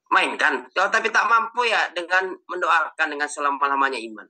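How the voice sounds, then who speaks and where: Male preacher, very bright tone, casual joking delivery with restarts. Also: on the high side, expressive, a little fast. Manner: informal, joking, trailing restarts. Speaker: Islamic preacher. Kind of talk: online Q&A study session.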